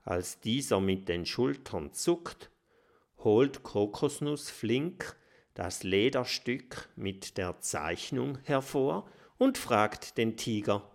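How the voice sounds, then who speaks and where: Animated male storybook narrator. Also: lowish voice, takes it slowly, gravelly. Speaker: audiobook narrator. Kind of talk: expressive children's story narration.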